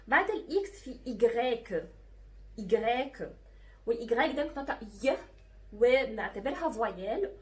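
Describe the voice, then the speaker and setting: Egyptian-accented woman, patient teacher, slightly high voice, miked from a short distance. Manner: patient, spells out letters slowly and repeats sounds. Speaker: French teacher. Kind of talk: teaching lesson.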